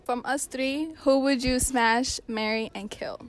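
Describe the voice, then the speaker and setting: A young woman in her late teens asking strangers quick, upbeat questions for a street interview in a shopping mall, filmed on a handheld camera. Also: high voice, steady tone, a crowd in the background, low-quality recording. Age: young adult. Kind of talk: casual public interview. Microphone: handheld camera mic.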